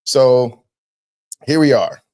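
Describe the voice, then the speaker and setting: A man hosting a podcast, chatting casually and telling lively stories, dropping "man" often. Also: mid-range voice. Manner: animated storyteller, quick, slangy, says "man" a lot. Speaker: podcast host.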